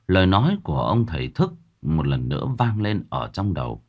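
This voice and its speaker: Low-voiced man narrating a ghost story. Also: moderate pace. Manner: dramatic, expressive storytelling.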